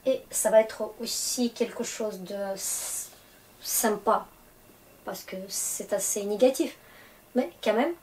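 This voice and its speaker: Slow, patient woman teaching a language. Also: fairly high pitch, darkish tone, poor audio. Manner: slow, patient explaining with frequent hesitations. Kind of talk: explaining grammar to French learners.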